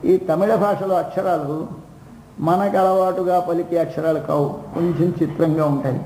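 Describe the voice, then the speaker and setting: A man's voice: fairly high pitch, fairly even intonation, moderate pace, dark tone. A man giving a devotional discourse, explaining a hymn word by word and asking the listeners rhetorical questions. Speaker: religious discourse speaker. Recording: roomy echo, faint background noise.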